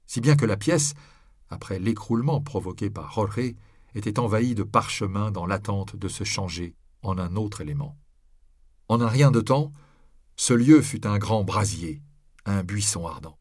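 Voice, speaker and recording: A man reading a novel aloud in the first person, with steady, measured storytelling. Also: lowish voice, slightly rough, no room sound, clean studio sound. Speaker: audiobook reader. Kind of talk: scripted novel narration.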